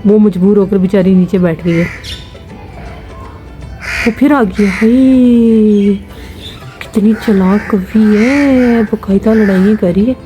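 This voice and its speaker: A woman's voice: medium pitch, takes it slowly, pauses often, warm tone, soft background music. A woman family vlogger from Pakistan giving amused, chatty live commentary while filming birds outdoors.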